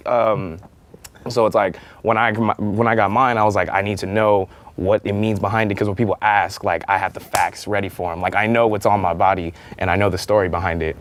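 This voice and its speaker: A man's voice: fairly low pitch, brisk. A young man, chatting casually as a panel guest in a college TV studio, slangy and full of fillers. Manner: slangy, filler-heavy, animated storytelling. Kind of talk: casual chat.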